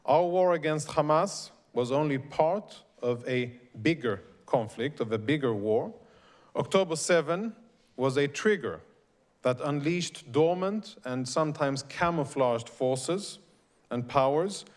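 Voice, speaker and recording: A middle-aged man from Sweden, an invited speaker delivering a prepared speech to a live audience in a deliberate, emphatic way. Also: a little high, animated.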